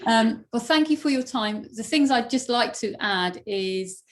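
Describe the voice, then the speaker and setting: A woman's voice: a little high, lively intonation, measured pace, background noise. A woman hosting a recorded call interview, praising her guest at length in a rambling, effusive way. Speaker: podcast host. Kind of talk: warm interview wrap-up.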